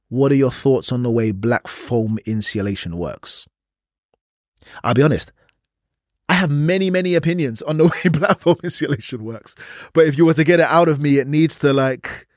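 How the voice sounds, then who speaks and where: A man's voice: a little high, no room sound. Rambling male podcast host, dry sound. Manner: rambling, self-deprecating, laughs at himself. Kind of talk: casual solo podcast monologue.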